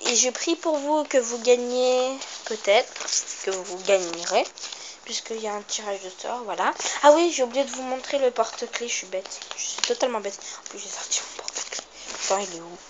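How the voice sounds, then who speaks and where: A female vlogger in a casual show-and-tell home video who chats to viewers, mutters to herself while counting and often corrects herself. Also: a little high. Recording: noisy home recording.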